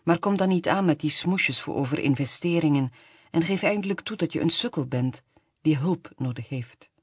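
Spiteful venomous guy, read by an audiobook narrator, husky dry tone. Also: mid-range voice, normal speed, dry recording, close to an everyday voice. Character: spiteful grown man, venomous. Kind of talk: audiobook reading.

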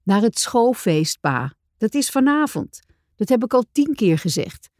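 A woman voicing a cheeky young werewolf boy in a children's storybook, with a bright, teasing way of talking. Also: on the high side, sing-song, a little slow, dry recording, clean studio sound, voice pushed up. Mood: exasperated.

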